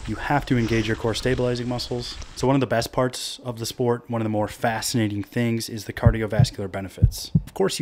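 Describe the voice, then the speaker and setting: A young man in his twenties, an upbeat vlogger, explains a sport from a cozy living room in a casual, chatty style full of slangy asides. His voice is lowish and a little mellow, with a little hiss or hum in the recording.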